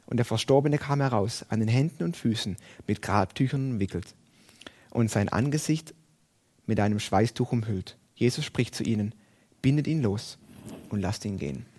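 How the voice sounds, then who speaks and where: Man, preacher, sermon, husky voice, emphatic swells and drops. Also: medium pitch, a little mellow. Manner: emphatic, rising and falling delivery. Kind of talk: sermon with Bible reading.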